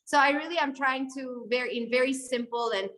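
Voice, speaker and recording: Speaking as a guest videographer, a young woman from Syria shares her story in a lively, conversational interview answer, restarting often and using plenty of fillers. Her voice sits high and she talks fairly quickly.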